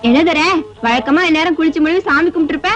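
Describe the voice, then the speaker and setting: An actress playing a gossipy, naive young woman in an old film, chatty and quick to spread news. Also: sits high, close to an everyday voice. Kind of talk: 1980s film dialogue. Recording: dull old film soundtrack with music.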